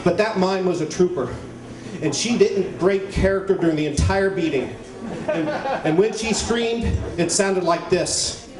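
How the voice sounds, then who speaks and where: High-pitched man, crude clown stand-up, mock-indignant ranting, roomy echo, live crowd. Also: expressive, normal speed. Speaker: stand-up comedian. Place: live stage before an audience. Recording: echoey room with live audience.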